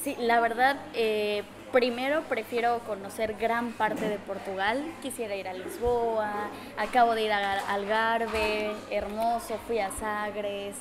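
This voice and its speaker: A woman's voice: medium pitch, steady tone, measured pace, hardly any pauses. A young woman with a Mexican Spanish accent, a native Spanish speaker, chatting in an interview as an exchange student. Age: young adult. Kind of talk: casual interview in Spanish with some attempts at Portuguese. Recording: busy chatter of people behind. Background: crowd chatter.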